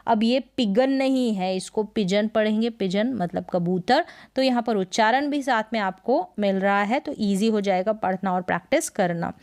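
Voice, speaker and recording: A woman teaching English pronunciation in Hindi, repeating each word slowly and asking herself questions as she explains the rules. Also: mid-range voice, a little mellow.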